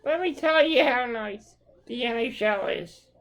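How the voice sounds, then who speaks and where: Angry woman fan, profane rant to camera, slow-paced, a bit high-pitched. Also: lively intonation, lo-fi sound. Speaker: hockey fan.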